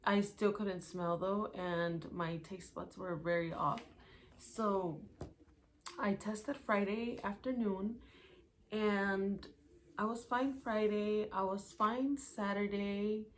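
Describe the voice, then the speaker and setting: Slow and steady at a medium pitch, a young woman YouTuber recounts events day by day from her notes in a casual vlog, her storytelling full of fillers, with slight background noise in the recording.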